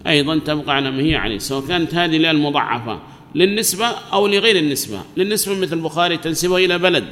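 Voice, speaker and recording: A man's voice: on the high side, rapid-fire, a bit bright. A man teaching a grammar lesson to a class, explaining patiently and asking questions that he then answers himself. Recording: long hall reverb, faint background noise.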